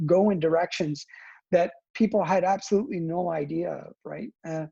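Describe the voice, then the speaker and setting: An Italian-speaking man, here a guest and education professor, answers interview questions in a high-pitched voice at normal speed, with vocal fry and a mellow, breathy edge. He's thoughtful and hedging, often saying "you know" and tagging points with "right?" The sound is lo-fi.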